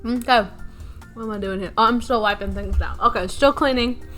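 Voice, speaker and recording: A woman's voice: medium pitch, a little fast, soft background music. Rambling woman vlogger chatting while working. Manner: relaxed, rambling, self-deprecating, with fillers. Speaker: furniture flipping vlogger. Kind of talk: casual chat while working.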